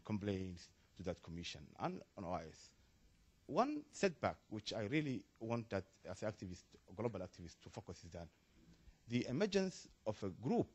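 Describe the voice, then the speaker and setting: A Somali man in the audience at a conference hall makes a spontaneous comment from the floor during a panel while asking a question. His deep voice has a breathy edge, and he halts and restarts, putting more emphasis on his words as he goes. The audio sounds dull.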